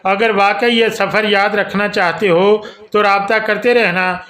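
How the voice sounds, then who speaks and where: A man voicing a shy, tender young woman on a train journey, speaking her lines softly inside a storybook reading. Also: high-pitched, steady tone.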